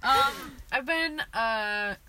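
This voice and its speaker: A woman's voice: sits high, drawn-out words, bright, forceful tone, no echo. A young woman sharing her story hesitantly in a casual chat, with many ums and restarts. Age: young adult. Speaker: guest. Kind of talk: casual chat among friends.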